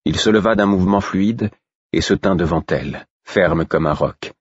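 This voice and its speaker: Deep husky male audiobook narrator. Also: moderate pace, dry recording, lo-fi sound. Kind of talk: first-person fiction narration.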